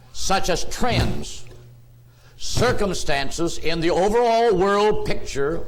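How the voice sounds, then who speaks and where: A male pastor delivers a sermon at a very unhurried pace, stretching key words out for weight. His voice sits a little high for a man. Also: a bit bright, poor audio. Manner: slow, deliberate preaching with drawn-out emphasis. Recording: church sermon tape.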